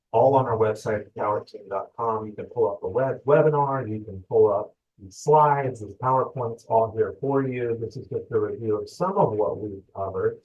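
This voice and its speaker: A man giving a live financial webinar, talking fast and upbeat and asking himself his listeners' questions. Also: on the low side, a little mellow, distant mic. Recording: dull, lo-fi webinar audio from off-mic.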